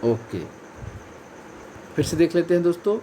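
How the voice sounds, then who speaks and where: A man's voice: on the high side, expressive, moderate pace, warm tone, a little hiss or hum. A male coaching teacher giving an online exam-prep lesson, stressing each key word and repeating the correct answer. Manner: addresses viewers as friends and companions.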